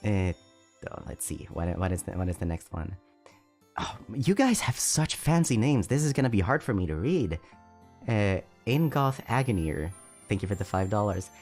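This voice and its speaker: A man's voice: lowish voice, sing-song, normal speed, a little mellow, soft background music. A man streaming casually, reading donations aloud and answering chat, chatty and self-deprecating, often stumbling over his words. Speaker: VTuber streamer.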